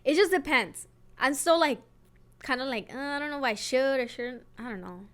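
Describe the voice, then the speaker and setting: Young podcast co-host, woman, high bright voice, lively storyteller. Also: moderate pace. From Guatemala. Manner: animated storytelling, acts out quotes, laughs and swears. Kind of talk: casual chat.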